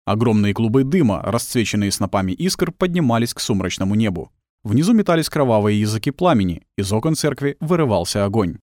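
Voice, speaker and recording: Man narrating an audiobook with lively pitch. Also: fairly quick, no room sound, clean studio sound.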